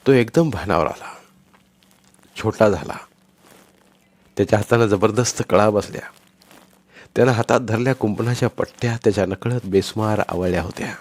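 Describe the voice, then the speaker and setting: A man reading a short story aloud in a dramatic, measured way. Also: fairly low pitch. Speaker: audiobook narrator. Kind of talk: scripted story narration.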